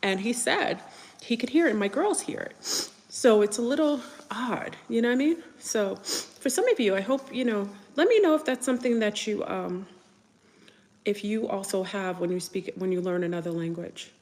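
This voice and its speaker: This livestream host is a New York woman who grew up speaking French, chatting casually in a room with lots of echo. Her medium-pitched voice is animated and a touch mellow, moving at a moderate pace as she rambles through responses to viewers' comments.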